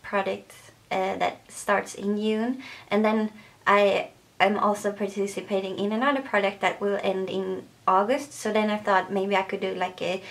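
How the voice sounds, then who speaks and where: A woman's voice: medium pitch, fairly even intonation, normal speed, creaky. A young woman with a Swedish accent talking casually to camera as a beauty vlogger, hesitant and full of fillers.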